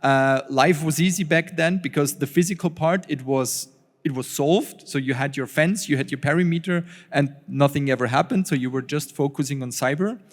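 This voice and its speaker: A man from Austria, speaking as a researcher on a conference panel, halting and full of fillers and restarts. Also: fairly high pitch. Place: conference hall. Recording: long reverb of a conference hall.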